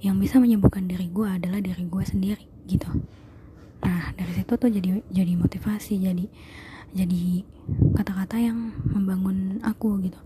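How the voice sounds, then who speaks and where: A young woman talking casually and hesitantly to her viewers, in a soft, breathy voice with many fillers. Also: mid-range voice, fairly even intonation, moderate pace, background noise. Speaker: vlogger. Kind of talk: casual personal talk to viewers.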